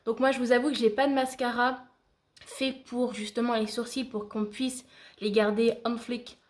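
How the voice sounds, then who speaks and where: A woman's voice: on the high side, level tone, normal speed. A woman giving a casual makeup tutorial, chatting to viewers like friends with frequent hesitations. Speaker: beauty vlogger.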